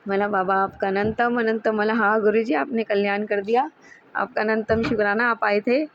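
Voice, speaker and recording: A woman with a medium-pitched, steady voice at a moderate pace tells listeners a casual devotional story as a satsang testimony. She rambles chattily, restarting and correcting herself mid-word, and grows earnest and pleading when she turns to her guru. A faint hiss runs under the dull, lo-fi recording.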